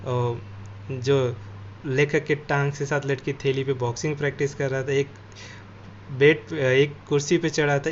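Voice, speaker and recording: A man teacher reads a textbook passage aloud, then explains it line by line and glosses the harder words. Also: on the high side. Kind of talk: reading and explaining a textbook lesson. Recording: dull lo-fi audio with faint noise.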